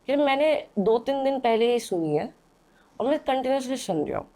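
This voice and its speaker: A young woman appears as a guest in an indoor podcast studio, telling a story in a chatty, casual way with hesitant fillers. Her high-pitched, mellow voice swings widely in pitch at normal speed, and she often checks in with "okay?" or "theek hai."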